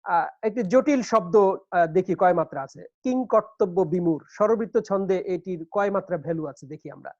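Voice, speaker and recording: A middle-aged male host on a video call, explaining poetic meter in a measured, teacherly way with many hesitations and syllable-by-syllable spelling. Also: sits high, dry recording. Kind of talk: explaining poetic meter on a live online show. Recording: dull, dry online call audio.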